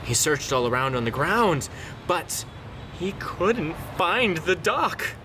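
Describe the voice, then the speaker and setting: A man's voice: on the high side, big pitch swings, slow pace, pushed and bright, slight background noise. A man reading a children's picture book aloud in a theatrical way, drawing words out dramatically. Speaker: storyteller.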